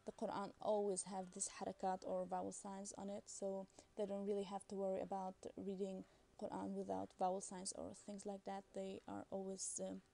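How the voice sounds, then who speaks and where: A woman talks through a beginner's language lesson. Her voice is mellow and warm, and she explains patiently. She often pauses on fillers and restarts her sentences. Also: mid-range voice, monotone, creaky. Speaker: Arabic language teacher. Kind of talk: casual recorded lesson.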